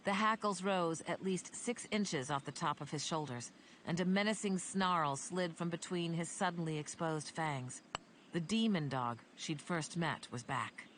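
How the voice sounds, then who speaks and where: A woman narrating an audiobook in an even, measured reading. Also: fairly low pitch, slight background noise.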